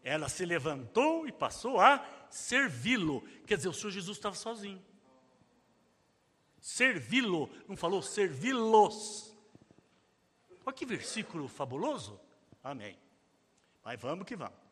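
A man's voice: sits high, very animated, normal speed, breathy edge, big-room sound. A man preaching a sermon in a dramatic way, calling out the cries he reads aloud. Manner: dramatic, shouting out quoted cries.

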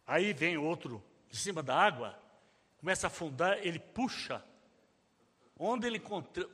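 Animated high-pitched preacher in a reverberant hall. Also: male voice, breathy edge. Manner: dramatic, shouting out quoted cries. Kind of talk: sermon.

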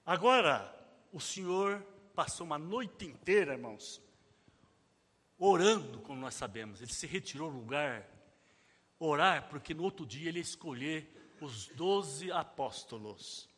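A man's voice: a little high, animated, unhurried, slightly rough, big-room sound. A man preaching a sermon in a dramatic way, calling out the cries he reads aloud. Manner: dramatic, shouting out quoted cries.

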